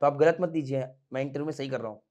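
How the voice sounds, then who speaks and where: A man in his thirties teaching students in a classroom, mixing Hindi and English, switching between fast and slow, loud and soft speech. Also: mid-range voice, lo-fi sound. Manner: mixes Hindi and English freely, scolds playfully. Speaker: merchant navy coaching instructor. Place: classroom with students standing behind.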